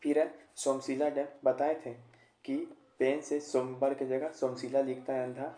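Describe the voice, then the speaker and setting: A man's voice: medium pitch, warm tone, reverberant. A man teaching an exam-prep general knowledge lesson, repeating memory tricks and quizzing with rhetorical questions.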